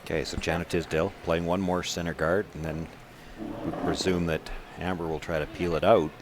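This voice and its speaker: A man's voice: deep voice, flat delivery, fairly quick. A man giving live play-by-play curling commentary in a conversational way, putting questions to fellow commentators. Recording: noisy sports arena broadcast.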